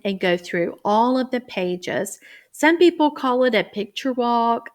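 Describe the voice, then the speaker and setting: Slow, deliberate woman reading teacher. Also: mid-range voice. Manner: careful, deliberate phrasing. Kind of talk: teacher training demonstration.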